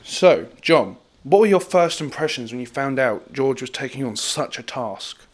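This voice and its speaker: A man's voice: mid-range voice, lively intonation, normal speed, husky. A young man playing an eager TV field reporter, interviewing on a handheld microphone in a spoof. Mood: inquisitive. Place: conservatory.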